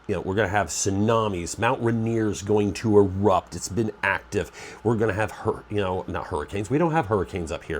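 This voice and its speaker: A low-pitched man with a stuffy, nasal cold voice talks casually to camera on his own preparedness channel, rambling and often correcting himself. A faint hiss or hum sits under the recording.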